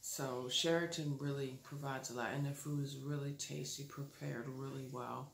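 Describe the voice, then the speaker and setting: A woman in her thirties with a very deep voice and vocal fry vlogs from her living room, keeping a steady tone and moderate pace. Her casual chat to the camera wanders, with many fillers and restarts. The close camera mic picks up a roomy echo and audible background noise.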